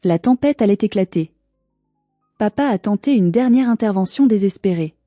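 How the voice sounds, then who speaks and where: A woman narrating a dramatic first-person story in a steady, scripted storytelling delivery. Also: mid-range voice, moderate pace, no room sound, studio quality, soft background music.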